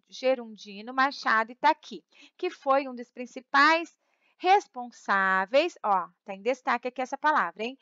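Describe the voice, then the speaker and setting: A woman's voice: high-pitched, sharp tone, clear, resonant tone, dry recording. A woman teacher with a Brazilian Portuguese accent, explaining a lesson patiently and checking in often with her students. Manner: patient, repeats words and checks in with "tá?". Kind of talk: recorded remote class lesson. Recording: slightly dull, dry close recording.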